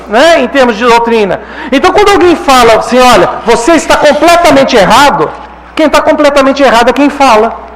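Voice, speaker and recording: A man with a Brazilian Portuguese accent delivers a spiritist lecture in a hall. His voice sits very high for a man, and he keeps it conversational, tossing rhetorical checks to the audience. A faint hum of room ambience runs underneath.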